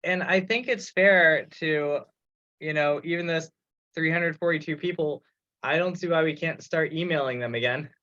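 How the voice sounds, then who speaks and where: A man with a somewhat high, sharp-toned voice talks at normal speed as the organizer on a committee call, musing aloud and hesitating a bit. He's heard through a remote teleconference line with dull, lo-fi sound.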